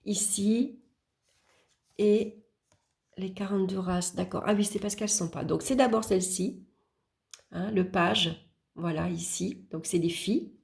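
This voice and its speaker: A woman's voice: medium pitch, vocal fry. A woman presenting a tarot deck, unhurriedly naming the cards as she flips through them with small hesitations. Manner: unhurried, murmuring card names while flipping, with small hesitations; warm, admiring remarks about the artwork. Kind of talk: casual deck walkthrough.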